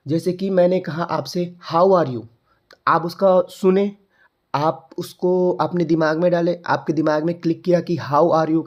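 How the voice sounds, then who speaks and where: A man's voice: on the high side, darkish tone. A young man teaching an exam-prep lesson, explaining points in Hindi with English terms in an Indian accent and repeating ideas so they sink in.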